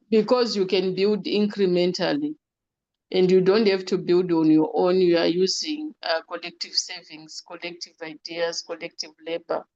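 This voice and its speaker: A woman speaks slowly through a glitchy, breaking-up video call. Her voice is gravelly, and it cuts out and fades on the patchy line. She talks hesitantly, with many filler sounds. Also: fairly low pitch, dull audio. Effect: glitchy breaking-up video call connection. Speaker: panelist on an online discussion. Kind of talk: answering a question in a video meeting. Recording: patchy call audio, voice cutting out and fading.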